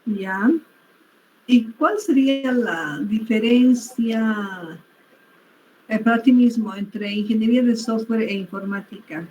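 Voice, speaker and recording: A woman's voice: a little high, takes it slowly, a little mellow, dull audio, a little hiss or hum. A woman teacher running an online class, calling on students by name and correcting how they use terms.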